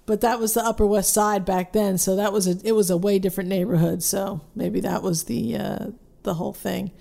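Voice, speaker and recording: A woman co-hosting a casual chat, rambling with restarts and getting animated when she rants. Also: medium pitch, fairly quick, gravelly. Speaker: podcast co-host.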